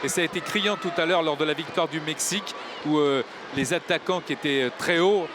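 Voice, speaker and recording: A man co-commentating live on football as excited sports commentary. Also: on the high side, fairly quick, a crowd in the background. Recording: clear outdoor stadium noise behind. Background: outdoor ambience of a football match.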